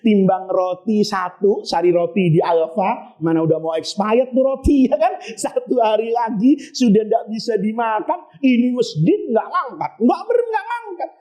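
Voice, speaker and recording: A male preacher telling a sermon story, animated, asking questions and answering them himself, sometimes bursting into shouts. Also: high voice, moderate pace, few pauses.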